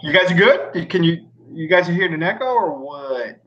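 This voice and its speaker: A man co-hosting a casual gaming livestream over a laptop mic, blunt and quick to laugh. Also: on the high side, expressive, fairly bright tone. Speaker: podcast co-host. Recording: dull lo-fi laptop audio.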